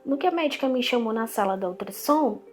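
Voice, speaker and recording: A woman's voice: a little high, fairly quick. A woman in her thirties with a Brazilian Portuguese accent, a guest telling a personal story in conversation, acting out the dialogue she recounts and often restarting her sentences. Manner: animated, acts out quoted dialogue, frequent restarts.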